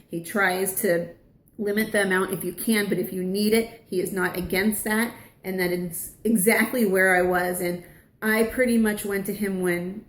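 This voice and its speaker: A woman speaks earnestly and from the heart, sharing her own story as a patient with a gathered audience. Her voice sits at an ordinary middle pitch. It carries with a roomy echo, as if in a meeting room. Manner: earnest and heartfelt, close to tears at times. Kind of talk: personal testimony to an audience.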